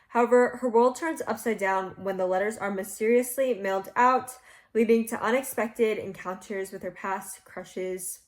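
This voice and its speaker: Young woman reviewing books, chatty. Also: medium pitch. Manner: chatty, laughs at her own slips. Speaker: book vlogger. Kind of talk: casual book review vlog. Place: on her bed at home.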